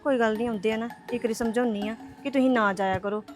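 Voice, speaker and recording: A woman's voice: a little high, fairly even intonation, quick pace, soft background music, natural voice. A woman playing a placating young wife. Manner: soothing, placating. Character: young wife calming relatives down. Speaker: daughter-in-law. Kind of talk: family web series acting.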